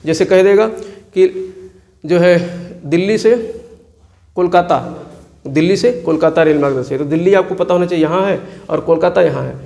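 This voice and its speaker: A male tutor with a high, darkish voice marked by vocal fry speaks at a moderate pace about exam map work. He keeps raising questions and answering them, repeating each place name so students remember it.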